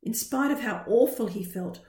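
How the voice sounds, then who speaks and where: A woman narrating a children's science-fiction story as an audiobook reading, with expressive, even storytelling. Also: a little high, moderate pace. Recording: roomy echo.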